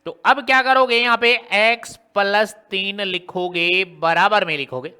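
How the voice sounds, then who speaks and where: A man's voice: high voice, measured pace, bright, forceful tone, smooth. A man teaching a maths lesson, working through a problem step by step and asking his students question after question. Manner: explains step by step, often quizzing students with rhetorical questions.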